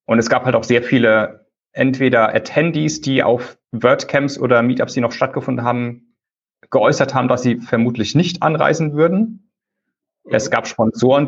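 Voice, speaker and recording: A man being interviewed over a low-quality phone call, explaining things at length in a loose, conversational way. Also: gravelly, slightly rough. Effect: low-quality phone call recording. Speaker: conference lead organizer, interview guest. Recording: dull lo-fi phone call audio.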